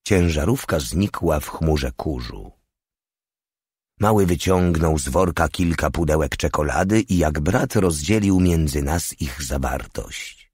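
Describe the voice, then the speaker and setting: A man reading an audiobook in a measured, unhurried narrating style. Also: rumbling low, expressive, darkish tone, slightly rough, no echo, studio quality. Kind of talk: scripted narration.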